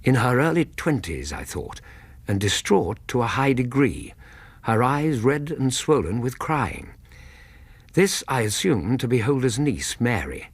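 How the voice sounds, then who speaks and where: A man playing a loyal Victorian doctor, narrating a radio drama in an English accent with measured, literary storytelling. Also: medium pitch, sing-song, husky, no room sound, full character voice. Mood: observant, sympathetic.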